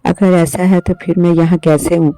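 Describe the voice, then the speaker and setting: A man voicing a gentle, teasing young male jinn suitor who speaks softly and reassuringly in a storybook tale. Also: sits high, flat delivery, normal speed, dry recording. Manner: soft, playful, reassuring.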